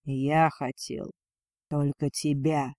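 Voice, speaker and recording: A man's voice: on the high side, flat delivery, darkish tone, no room sound, studio quality, voice pushed down. Man playing a cruel, domineering dragon lord. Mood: contemptuous. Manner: slow, contemptuous growl.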